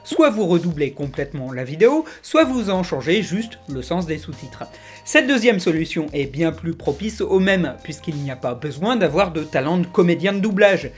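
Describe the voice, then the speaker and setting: A man hosting a web series, delivering scripted commentary at a quick clip with sarcastic asides. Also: on the high side. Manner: rapid, animated delivery. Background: faint background music.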